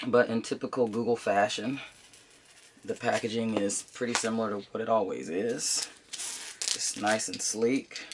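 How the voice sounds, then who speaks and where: A man's voice: on the low side, normal speed, noisy background. A man with a congested, sinus-affected voice giving a casual unboxing commentary as a channel host, informal and thinking aloud as he goes.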